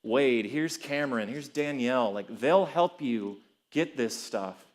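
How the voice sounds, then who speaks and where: A man preaching a sermon voices God as patient and gently amused, with a casual, mildly teasing way of talking. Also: mid-range voice, unhurried, lightly acted. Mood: reassuring.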